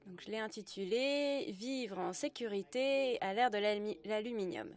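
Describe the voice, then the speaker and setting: A woman delivers a live interpretation of a lecture at a middle pitch. Her phrasing is halting, and she corrects herself in mid-sentence as she follows the speaker. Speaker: simultaneous interpreter.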